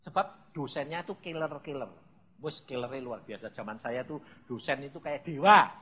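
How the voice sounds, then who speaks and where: A man, preaching a sermon through humorous, animated storytelling. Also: medium pitch, normal speed, breathy edge. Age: 80s. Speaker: evangelist preacher. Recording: dull lo-fi sound.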